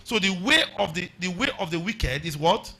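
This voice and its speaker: A man's voice: high voice, expressive, normal speed, bright, forceful tone. A man with a Nigerian accent preaching a revival sermon, exhorting emphatically with repeated phrases and rhetorical questions.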